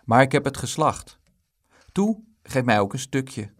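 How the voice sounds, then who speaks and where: A man voicing a greedy, hot-tempered twelve-year-old boy who talks eagerly and flares up quickly. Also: medium pitch, animated.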